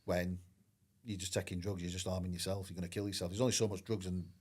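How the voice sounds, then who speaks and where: This ex-pro footballer, middle-aged, has a deep, slightly mellow, slightly rough voice, speaking quickly in a level tone. In a relaxed interview he rambles openly through his story, peppering it with "I says" and "like."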